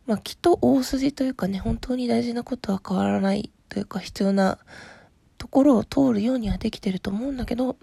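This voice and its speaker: A woman with a husky, rough morning voice, hoarse from sleep, chatting casually and politely as a podcast host replying to listener letters, often trailing into soft murmurs. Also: a little high, fairly quick, dry recording. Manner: polite, appreciative. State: hoarse from having just woken up.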